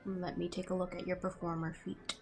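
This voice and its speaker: Relaxed woman running a tabletop game. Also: on the low side, brisk. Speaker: dungeon master.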